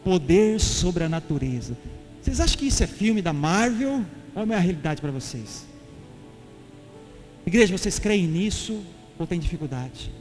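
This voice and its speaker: Brazilian male pastor, high-pitched, passionate and emphatic, casual with the congregation, in a reverberant church hall. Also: animated, moderate pace, long pauses, soft background music. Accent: Brazilian Portuguese. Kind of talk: sermon.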